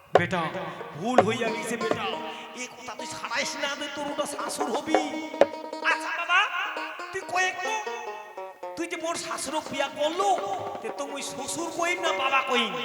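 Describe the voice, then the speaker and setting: A man with a Rajbanshi dialect playing an excitable rustic village son in a comic folk stage drama, shouting and exclaiming. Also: very high voice. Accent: Rajbanshi North Bengal dialect. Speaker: folk theatre actor. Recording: echoey live stage with loud music.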